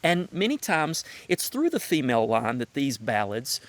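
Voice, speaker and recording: A man from Madison County in the North Carolina mountains, with a Southern Appalachian accent, gives a prepared introduction in a folksy storytelling style with emphatic phrasing. His medium-pitched voice swings widely in pitch at a moderate pace.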